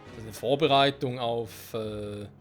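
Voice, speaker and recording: A young man giving lively gameplay commentary and talking back to the characters on screen. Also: mid-range voice, a little slow. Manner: excitable, talks to the game characters. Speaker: let's play gamer. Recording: game music loud behind voice.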